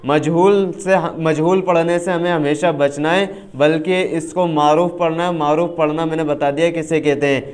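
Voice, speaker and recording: A man leads a reading lesson. He stretches each letter drill into a slow sing-song chant. Between drills he explains quickly. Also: a little high, fairly even intonation, a little mellow. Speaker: Quran reading teacher. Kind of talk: online reading lesson, spelling out syllables.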